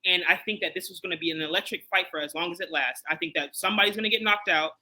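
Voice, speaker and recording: A Chicago man appears as a guest in a boxing interview, talking casually and animatedly with lots of fillers, restarts and repetition. His voice is high and very fast, and the recording is rough.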